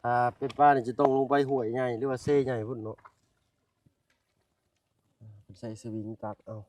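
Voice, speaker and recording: A man's voice: medium pitch, steady tone, moderate pace, darkish tone, dry recording. A man with a northeastern Thai Isan accent narrating a casual vlog outdoors in a village, chatting with the people he meets and addressing his viewers as brothers and sisters. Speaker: vlogger. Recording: dry sound, voice at a distance from the mic.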